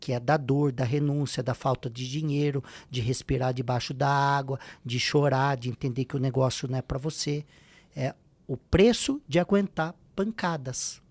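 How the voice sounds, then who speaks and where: A man's voice: medium pitch, flat delivery, normal speed, few pauses, darkish tone. A Brazilian man with a slight tongue-tie giving emphatic motivational advice as a podcast guest, often asking rhetorical questions. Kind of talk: motivational advice in a casual interview.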